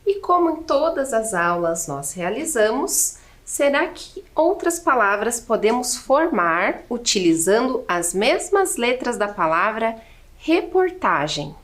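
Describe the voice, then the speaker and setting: Slow, patient woman teaching children. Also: a little high, sing-song, a bit bright. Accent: Brazilian Portuguese. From Brazil. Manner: counts aloud deliberately, asks rhetorical questions.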